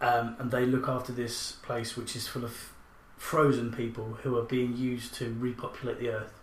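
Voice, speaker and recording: A man's voice: mid-range voice, little pitch movement, normal speed. A man hosting a podcast, chatting loosely about films and swearing freely. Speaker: podcast host. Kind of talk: casual chat about films. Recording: roomy echo, faint background hiss.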